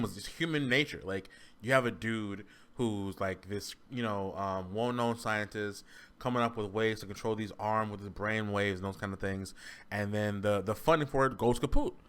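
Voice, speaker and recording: A man in casual game-review banter, incredulous and stammering as he argues back. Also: fairly low pitch. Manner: animated, incredulous, stammering restarts.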